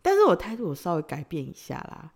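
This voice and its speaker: A young woman hosts a podcast. She tells a personal story in a casual, teasing way and often breaks into giggles. Her voice sits a little low but swings through a very wide range. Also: wildly swooping pitch, fast talker, creaky, breathy edge. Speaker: podcast host.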